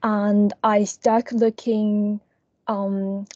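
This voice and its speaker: Soft woman over screen-recorded video call. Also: medium pitch, flat delivery, drawn-out words, dry recording, highs cut off. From Hong Kong. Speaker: student presenter. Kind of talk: online class presentation.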